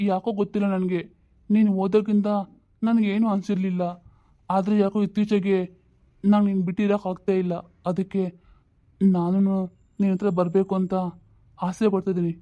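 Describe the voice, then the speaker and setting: A woman voicing an ailing old father, weary and longing for his late wife, speaking slowly and pleadingly. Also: mid-range voice, level tone, narrow, tinny audio, natural voice.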